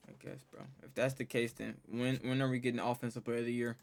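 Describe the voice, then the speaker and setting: A man's voice: medium pitch, level tone, fast talker. A man casually reacting on a live stream, loose and profane, joking with his chat.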